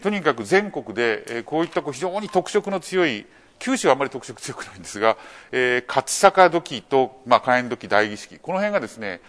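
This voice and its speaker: Lively-pitched Japanese male lecturer. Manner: measured explanatory delivery with many fillers; rhetorical questions to the audience. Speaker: lecturer on archaeology. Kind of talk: public lecture.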